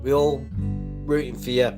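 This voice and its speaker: A middle-aged livestream host from the UK speaks over music at medium pitch with a flat delivery and moderate pace. Reading viewer comments, he chats casually and reassuringly, rambling with frequent restarts.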